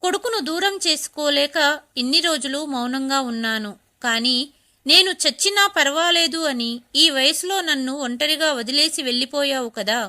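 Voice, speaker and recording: A woman's voice: high voice, normal speed, pushed and bright. A woman reading the lines of a long-suffering elderly mother in a storybook tale. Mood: bitter.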